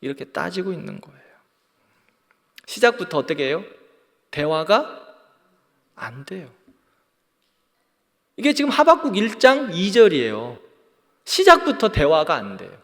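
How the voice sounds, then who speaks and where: A man's voice: sits high, huge pitch swings, measured pace, long pauses, fairly bright tone. A man teaching a church Bible class, leading group readings and acting out quoted retorts. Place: church hall. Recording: long hall reverb.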